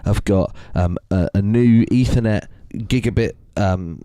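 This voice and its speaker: A man's voice: fairly low pitch, measured pace, warm tone, clear, resonant tone, no room sound. A young man co-hosting a podcast in casual chat, laid-back and swearing freely. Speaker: podcast co-host.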